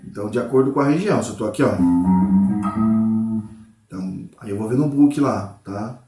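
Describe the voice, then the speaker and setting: A man's voice: mid-range voice, fairly quick, echoey room. A man giving a casual guitar lesson. He names the notes aloud as he plays and keeps checking in with the viewer. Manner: explains patiently, constant "tá?" and "né?" check-ins. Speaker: guitar teacher. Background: guitar playing.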